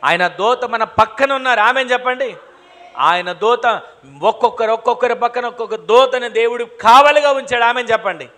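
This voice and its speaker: A man's voice: very high voice, normal speed, sharp tone. A man preaching a sermon to his congregation, repeating phrases and asking rhetorical questions, often calling on them to say amen. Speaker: pastor. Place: church hall.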